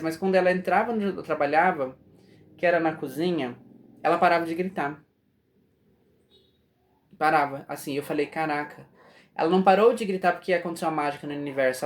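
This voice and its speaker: A man with a Brazilian Portuguese accent giving a casual spiritual class, talking conversationally and often checking that his listeners follow. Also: sits high. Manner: conversational, often asks "entende?". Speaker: spiritual teacher.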